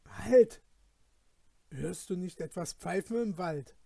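A man's voice: high voice, fairly even intonation, slow, warm tone, dry recording, studio quality, voice pushed up. A man voicing an anxious young male goldsmith apprentice, fearful and pleading in a read-aloud fairy tale.

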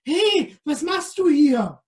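A man's voice: extremely high pitch, lively intonation, a little slow, a little mellow, recorded from a distance, pitched above the performer's own voice. A man voicing a defiant little girl who talks back snippily. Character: sassy little girl at grandma's house.

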